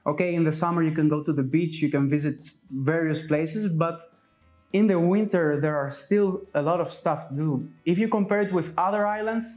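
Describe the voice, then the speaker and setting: On the high side and a little mellow, the voice of a Cretan man in his 20s, a medical student whose first language is Greek, moves at a moderate pace over soft background music. Sitting as a guest in a barber's chair, he chats casually, thoughtful and hesitant, using plenty of fillers.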